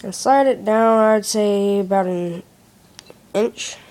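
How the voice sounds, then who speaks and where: A woman demonstrating a craft talks through the steps in a plain, casual way while sitting at a desk in a small room. Her mid-range, darkish voice takes things slowly, and the clip was captured on a handheld phone.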